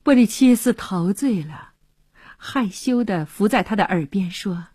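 A woman reads a radio story aloud in a very husky, breathy voice. She takes her time, and her pitch swings widely as she sinks into hushed passages. The recording is dry and close, with no room sound. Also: unhurried, dry recording. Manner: expressive storytelling, often dropping to a hushed voice. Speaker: narrator. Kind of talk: serialized radio story reading.

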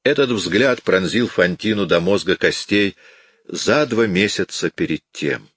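Deep-voiced male audiobook narrator. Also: expressive, fairly bright tone, husky, no echo, studio quality. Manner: measured, dramatic reading. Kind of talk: scripted narration.

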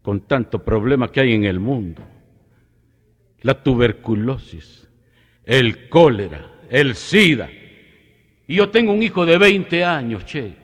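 A man's voice: medium pitch, very animated, slow, long pauses, slightly rough, big-room sound, full character voice. Man doing a gloomy Argentine father. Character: worried middle-aged Argentine father.

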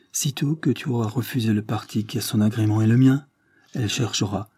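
A man's voice: fairly low pitch, warm tone, slightly rough, dry recording, clean studio sound. A man voicing a grieving, stern aristocratic mother as he reads a classic novel aloud, solemn and pleading.

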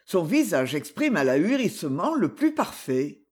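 An expressive audiobook narrator reading a classic adventure novel. The voice is breathy, with lively rises and falls in pitch, carrying the action forward. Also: moderate pace. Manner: expressive storytelling.

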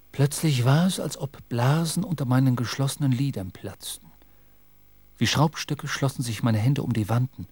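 Measured male radio drama narrator. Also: medium pitch, creaky, a little mellow, dry recording. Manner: measured, literary storytelling.

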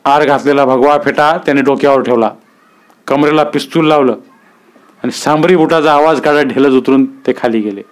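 A man narrating a story aloud in a steady, measured way. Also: medium pitch. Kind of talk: story reading.

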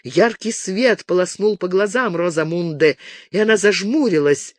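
A man reading a romance novel aloud as narrator with measured, expressive delivery. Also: high voice, dry recording. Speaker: audiobook narrator. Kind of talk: scripted narration.

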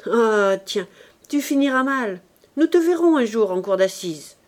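A woman's voice: on the high side, animated, measured pace. A woman reading an audiobook, voicing an old man who blusters and weeps at his nephew. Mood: outraged. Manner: tearful, blustering and stammering. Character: older man, tearful jilted uncle.

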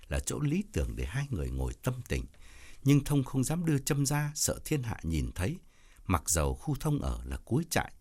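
A man narrating an audiobook story in an expressive storytelling manner. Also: medium pitch.

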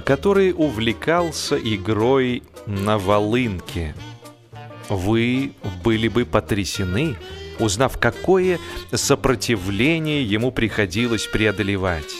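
A man with a fairly low voice delivers a humorous literary narration. He reads in an expressive, mock-serious style, using dramatic pauses.

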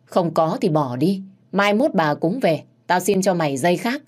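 A woman's voice: fairly low pitch, animated, moderate pace, darkish tone. A woman voicing a blunt middle-aged aunt who grumbles and scolds. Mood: grumbling.

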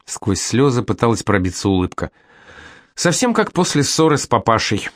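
A man reading a novel aloud in a measured, subdued first-person narration. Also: lowish voice, no room sound, studio quality. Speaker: audiobook narrator.

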